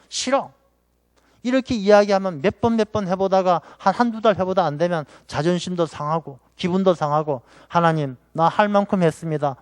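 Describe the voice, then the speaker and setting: High-voiced Korean pastor preaching. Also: male voice, darkish tone, no room sound. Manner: conversational preaching with acted-out quotes. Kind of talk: sermon.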